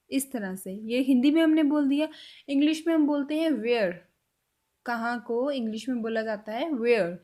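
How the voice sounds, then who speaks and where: A woman teaching a spoken language lesson. She says each example phrase slowly and carefully, and her voice drops quietly at the close of each point. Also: sits high.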